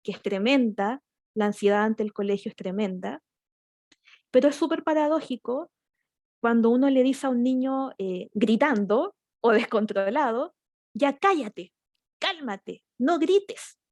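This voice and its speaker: A woman explains child stress in a seminar talk, her voice sitting a little high. She builds her points through images and questions put to the audience, speaking to parents as one of them. The sound is dry and close, with no room around it. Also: moderate pace, darkish tone, no echo. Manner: explains with metaphors and rhetorical questions.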